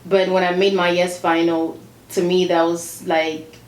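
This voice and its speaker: A woman's voice: on the low side, level tone, a little slow, darkish tone. A woman who was born in Congo DR and grew up in Zambia, a gospel singer giving a casual interview, earnest, repeating herself and laughing often. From Congo DR, raised in Zambia. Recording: echoey room with faint noise.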